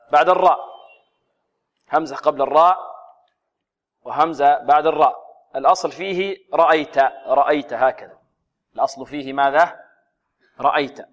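A man's voice: fairly high pitch, dull audio. A man teaching a Quran recitation class, drilling letter sounds and asking his students questions that he then answers himself. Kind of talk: tajweed lesson.

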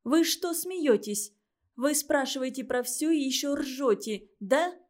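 A woman reading a novel aloud, voicing an angry, insulted young woman student who shouts shrilly. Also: on the high side, measured pace, lightly acted. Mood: furious.

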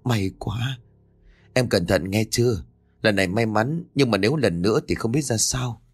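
Selfish husband brushing things off, low voice, the narrator guy doing him, faint music. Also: normal speed, breathy edge, no room sound. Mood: concerned. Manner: dismissive, evasive. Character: selfish, brusque young husband.

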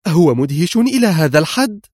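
A man doing a shrill, indignant young woman. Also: fast talker, no room sound, clean studio sound. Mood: sharp, indignant. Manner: sharp, indignant and strained. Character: fiery, defiant young female agent.

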